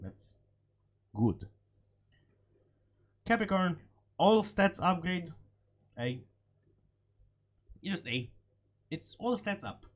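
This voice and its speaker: A gaming video creator with a mid-range voice offers casual, unscripted commentary on a game. He halts and repeats short phrases, and a cold leaves him slightly hoarse.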